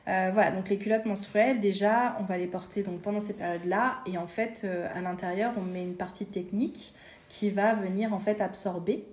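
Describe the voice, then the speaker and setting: A woman talks casually as an interview guest, hesitating often with fillers and restarting her sentences. Her voice sits at an ordinary pitch. The room around her is echoey. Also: fairly even intonation, brisk, a little mellow. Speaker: guest, seamstress and designer.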